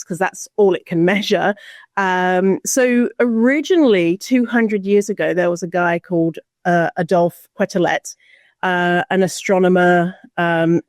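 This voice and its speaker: A woman's voice: fairly low pitch, no room sound, studio quality. A woman speaking as a podcast guest in a casual discussion, blunt and emphatic, with a sarcastic edge.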